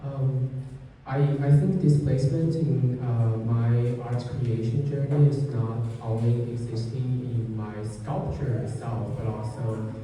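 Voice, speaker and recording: A man's voice: mid-range voice, steady tone, takes it slowly, dark tone, slight background noise. A man from China, a sculptor on a gallery panel, speaking hesitantly with many fillers. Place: gallery event space. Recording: echoey hall, distant mic.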